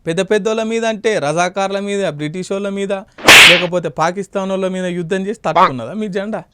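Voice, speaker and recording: A man's voice: sits high, fast talker, very noisy. A man with a Telangana Telugu accent hosting a satirical news segment, mocking and needling in his commentary. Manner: sarcastic, needling.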